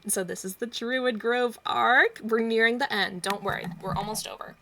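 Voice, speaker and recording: Bright, animated woman recapping a game. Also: a little high, vocal fry, slight background noise. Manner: animated, swears freely, acts out quoted lines; drops into quick whispered asides. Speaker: tabletop game player recapping a campaign. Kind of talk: casual storytelling recap.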